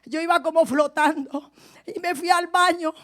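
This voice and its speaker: A woman pastor with a high, bright-toned voice, telling her conversion story in a sermon. She addresses the congregation directly and moves between quiet, intimate moments and loud, forceful declarations. Her delivery is passionate and personal. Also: fairly even intonation, moderate pace. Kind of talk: testimony in a sermon.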